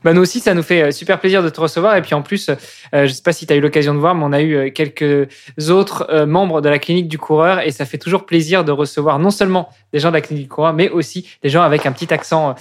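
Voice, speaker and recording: A man's voice: fairly high pitch, steady tone, fast. A man hosting a podcast in a casual way, with frequent hesitations and filler sounds. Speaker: podcast host.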